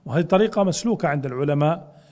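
رجل يشرح نصًا في درس، ويطرح أسئلة ثم يجيب عنها بنفسه. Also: male voice, fairly high pitch, lively intonation, racing, a little mellow, long reverb tail. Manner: explains with questions he answers himself. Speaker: teacher explaining a classical text. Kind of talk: lecture.

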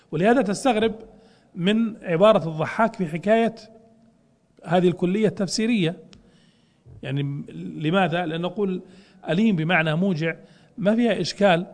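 رجل يشرح نصًا في درس، ويطرح أسئلة ثم يجيب عنها بنفسه. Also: male voice, fairly high pitch, a little mellow, big-room sound. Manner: explains with questions he answers himself. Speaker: teacher explaining a classical text. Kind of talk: lecture.

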